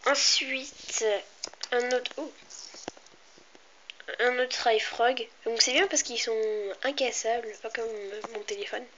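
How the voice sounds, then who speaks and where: A woman's voice: on the high side, fairly even intonation, takes it slowly, pauses often, bright, forceful tone. A young woman with a slightly sick, cracking voice chats casually and hesitantly as she shows things, rambling and interrupting herself. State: slightly sick, clearing throat and coughing. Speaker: amateur video maker presenting handmade doll furniture. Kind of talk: casual show-and-tell chat. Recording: dull lo-fi home recording, clear noise.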